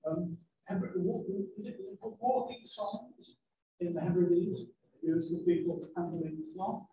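A man's voice: high-pitched, unhurried, warm tone, muffled recording, a little hiss or hum. A man answering audience questions about sea shanties in a chatty, hesitant way, with many ums. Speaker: guest speaker on sea shanties. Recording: roomy echo.

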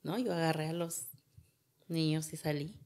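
Low, gravelly woman. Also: normal speed, a little mellow. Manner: retells events with much reported dialogue. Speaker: guest. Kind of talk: emotional personal storytelling.

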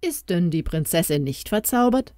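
A young fairy-tale lad on a quest speaks with doubt and weary sighs, as a woman reader plays him. His voice stays close to hers, mellow and dark, with a lively rise and fall. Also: lowish voice, normal speed, no echo. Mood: wary, doubtful. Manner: doubting, sighing.

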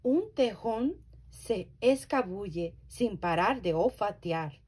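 A woman working as a library storyteller, reading a children's story aloud slowly and very expressively. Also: mid-range voice, lively intonation, a little mellow, slightly rough.

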